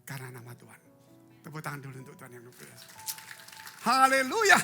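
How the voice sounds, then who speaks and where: Male pastor, live sermon, theatrical swings between loud and hushed, jokes with the congregation, faint music underneath. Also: on the high side, huge pitch swings, brisk. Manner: dramatic, leaps from loud cries to hushed asides; humorous, asks the congregation questions. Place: church sanctuary.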